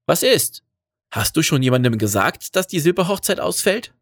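A man voicing a calm, practical wife. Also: a little high, moderate pace, pitched above the performer's own voice, full character voice. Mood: curious. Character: middle-aged wife, calm, practical, reassuring.

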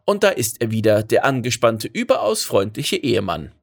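A man's voice: mid-range voice, very animated, normal speed, gravelly, dry recording, studio quality. A man narrating a first-person audiobook story with a wry, self-mocking manner.

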